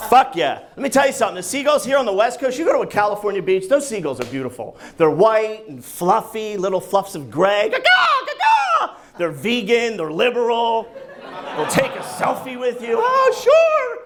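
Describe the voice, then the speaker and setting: A man from New Jersey with a New Jersey accent doing a brash, profane stand-up set, singing and shouting bits on a comedy club stage. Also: very high voice, huge pitch swings, normal speed, very noisy. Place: comedy club stage before a laughing audience. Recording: live club crowd audible.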